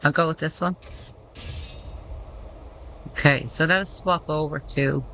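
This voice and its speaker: A woman's voice: sits low, slow pace, fairly bright tone, a little hiss or hum, rough recording. A woman giving casual gameplay commentary, thinking aloud and reading menu text out as she goes.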